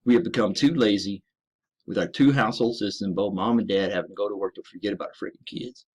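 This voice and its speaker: With a husky, lowish voice and a steady tone, an American veteran moves at a quick pace through a profane, emphatic rant. "Ladies and gentlemen" is how he addresses his listeners.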